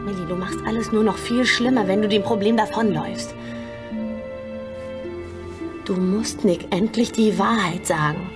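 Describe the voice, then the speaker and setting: An actress playing a caring, insistent confidante in a TV drama, speaking earnestly and practically. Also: female voice, medium pitch, normal speed, natural voice. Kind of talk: TV drama acting. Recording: clear music bed under dialogue.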